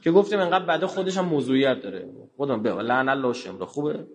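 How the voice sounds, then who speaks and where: A man giving a religious lecture in a colloquial way, telling stories and acting out the dialogue, with sudden low, quiet asides. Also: slight background noise. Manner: colloquial, acts out dialogue in quotes.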